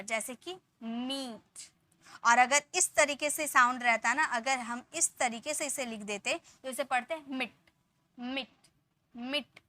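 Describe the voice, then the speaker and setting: A woman teaching an English phonics lesson, setting out each spelling rule slowly and then repeating the example words one by one, checking in with the viewer often. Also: sits high, bright, forceful tone, dry recording.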